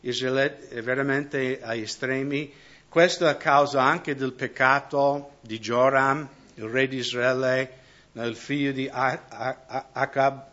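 A man preaching a conversational sermon who keeps checking in with the congregation with quick tag questions. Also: mid-range voice, a bit bright, muffled recording. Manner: keeps asking the congregation "no?" and "giusto?".

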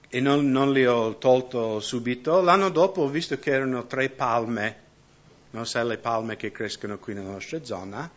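Male preacher, conversational sermon, slow unhurried delivery, dull lo-fi sound, keeps asking the room for agreement. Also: mid-range voice. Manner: keeps asking the congregation "no?" and "giusto?".

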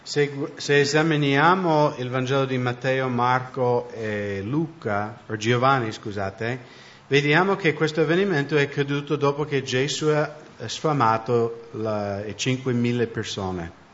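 Brief: male church interpreter, steady reader, occasional self-corrections, lo-fi sound. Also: mid-range voice, measured pace. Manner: reads steadily, with small slips and self-corrections. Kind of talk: interpreting a sermon and reading scripture.

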